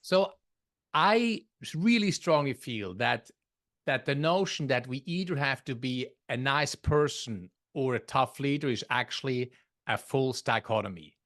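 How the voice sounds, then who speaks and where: A Swiss man with a Swiss accent appears as a podcast guest and leadership author in a conversational interview, explaining his views thoughtfully and often restarting his phrases. His medium-pitched voice is unhurried and fairly bright, with lively intonation.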